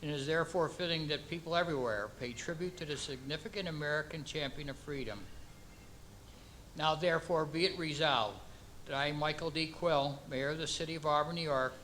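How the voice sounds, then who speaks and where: A man serving as mayor, reading a formal proclamation and then speaking off the cuff with halting, repeated words. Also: on the high side, fairly even intonation, bright, forceful tone, slight background noise, low-quality recording.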